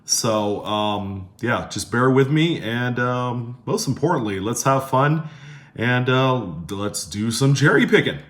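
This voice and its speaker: Casual guy doing a hobby vlog, words a bit slurred like he's numb from the dentist, pauses a lot. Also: medium pitch, expressive. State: half of face numb after dental filling. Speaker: coin hobbyist video host. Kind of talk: casual hands-on vlog commentary.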